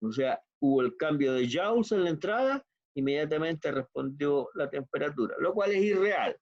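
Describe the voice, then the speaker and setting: A man's voice: a little high, expressive, normal speed. A man with a Chilean accent giving a university engineering lecture, explaining step by step, working through numbers aloud and often checking that students follow. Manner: explanatory, works sums aloud, frequent check-ins. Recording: dull lo-fi online class audio.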